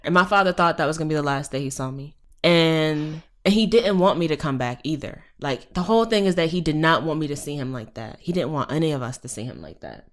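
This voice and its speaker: A woman's voice: sits low, lively intonation, a little fast. A woman in her thirties, a professor guest on a podcast, telling a personal story frankly and emphatically, with profanity and pointed rhetorical questions.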